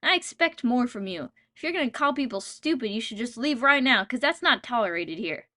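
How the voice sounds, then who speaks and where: A woman's voice: on the high side, lively intonation, brisk, bright, forceful tone. A woman narrating a comedic game video in a wry, playful, self-mocking way.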